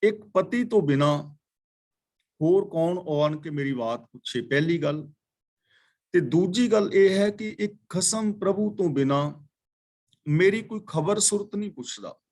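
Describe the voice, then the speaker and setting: A man teaching a scripture class, chanting verses slowly and then patiently explaining them word by word. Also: sits high, lively intonation, darkish tone. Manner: patient, corrects pronunciation. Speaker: katha teacher.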